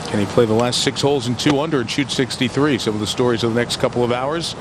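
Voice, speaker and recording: A man's voice: medium pitch, quick pace, a crowd in the background. A man anchoring live golf coverage as a play-by-play commentator. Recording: loud outdoor background noise. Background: loud outdoor noise.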